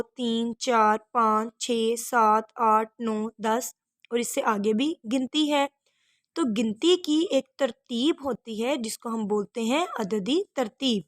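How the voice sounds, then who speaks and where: Patient woman teacher, slow and clear, a touch high, dry close sound. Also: no room sound. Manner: patient, explains and repeats hard words; addresses pupils as "beta". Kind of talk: recorded lesson for children.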